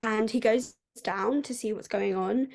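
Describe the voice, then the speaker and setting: In a very noisy recording, a podcast co-host with a slightly high voice and vocal fry casually recaps a book. She's unhurried and chatty, using "like" over and over.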